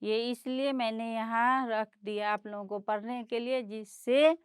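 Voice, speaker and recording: Woman teacher going slow through a letter chart, spells out each sound, super clear voice, dry sound. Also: fairly high pitch, steady tone, dry recording. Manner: mixes English words into her teaching. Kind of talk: slow classroom lesson explaining a chart.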